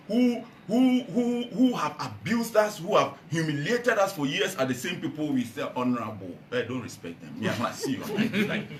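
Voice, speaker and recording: A man with a Ghanaian accent speaks to a meeting in a rousing political speech. His pitch swings widely as he shifts from loud calls to low, earnest tones. The room sounds echoey, with faint ambient noise behind him. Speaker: party founder addressing a meeting.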